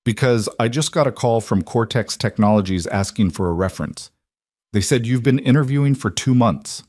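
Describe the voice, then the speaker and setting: A man voicing a betrayed single father in a quarrel, hollow and bitter, his voice turning sharp and accusing. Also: mid-range voice, normal speed, dry recording, studio quality, natural voice. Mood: angry.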